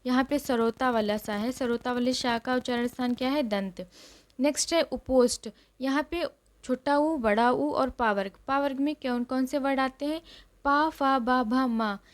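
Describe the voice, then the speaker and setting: In a high-pitched voice at a normal pace, a woman teaches an exam revision session. She restates every rule and keeps putting questions to her listeners.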